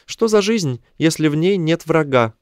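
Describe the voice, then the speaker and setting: A sly, furry catlike alien chief who loves a good war, voiced by a man in an audiobook. The voice sits noticeably high and speaks with calm mockery. The recording is dry and close. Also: a little slow, clear, resonant tone, no room sound. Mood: mocking. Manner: mocking, war-loving, calm. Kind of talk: audiobook character voice.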